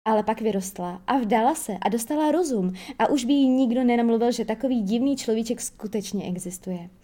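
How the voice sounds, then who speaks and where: A woman reads a children's storybook aloud, lively and storytelling. Her voice is soft and mellow, sitting a little high, and she now and then trips over a word. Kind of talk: storybook reading.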